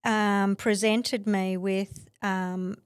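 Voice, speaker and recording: A middle-aged Australian woman telling her story as a podcast guest, animated, laughing often and acting out what others said. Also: medium pitch, extremely slow, smooth, no room sound, clean studio sound. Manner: animated, acts out quoted voices, laughs often. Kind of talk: conversational storytelling.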